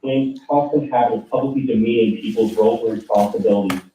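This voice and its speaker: A man reading a prepared letter aloud over a call whose audio keeps breaking up, halting and apologetic when the line cuts out. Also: medium pitch, steady tone, mellow, slight background noise. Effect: choppy call audio that breaks up. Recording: tinny, echoey call audio from far off.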